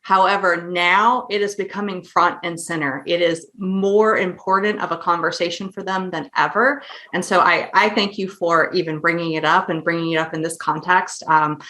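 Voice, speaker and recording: Bright-voiced woman hosting a panel. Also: fairly low pitch, fairly even intonation, moderate pace, hardly any pauses. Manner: affirming, asks follow-up questions. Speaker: host. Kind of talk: panel discussion.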